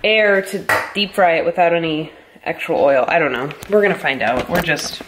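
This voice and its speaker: An American woman in her thirties, a fitness vlogger, chats casually and explains things on camera at home. Her voice sits on the low side at a moderate pace. She's indoors in a roomy kitchen, and some background noise comes through.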